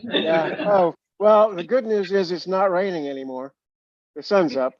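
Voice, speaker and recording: High-voiced man drawling jokey small talk. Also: lo-fi sound. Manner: slow, joking small talk.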